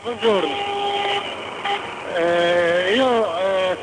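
A man with a central Italian accent from Lazio, speaking haltingly and repeating words as a casual radio caller. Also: high-pitched. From Viterbo, central Italy. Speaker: caller, truck driver. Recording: very noisy phone call from roadside.

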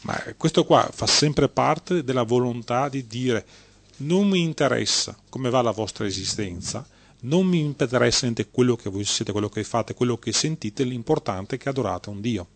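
A radio studio guest arguing his point emphatically. He piles up phrase after phrase in long, insistent lists, at a mid pitch for a man. The sound is dry and close to the mic. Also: lively intonation, moderate pace, dry recording. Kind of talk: discursive argument on a radio show.

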